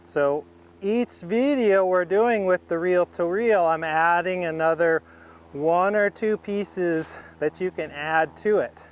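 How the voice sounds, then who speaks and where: Speaking at a notably slow pace, this instructor talks through a riding demonstration in a smooth, slightly high voice. Each step comes in short, deliberate phrases, like he's working it out aloud.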